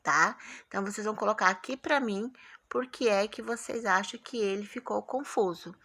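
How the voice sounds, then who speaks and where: In a recorded remote lesson, a primary school teacher with a Brazilian Portuguese accent coaxes her pupils patiently and checks in with them often. She speaks at a moderate pace, her medium-pitched voice carrying a sharp tone.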